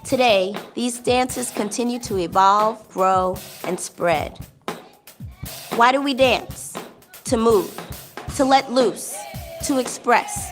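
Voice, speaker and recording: A woman narrating a documentary with a measured, rhythmic delivery. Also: a little high, faint music behind.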